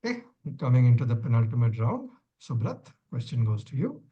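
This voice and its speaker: A man's voice: mid-range voice, huge pitch swings, fairly quick, dull audio. A man acting as quizmaster, reading long questions and adding dry, wry asides.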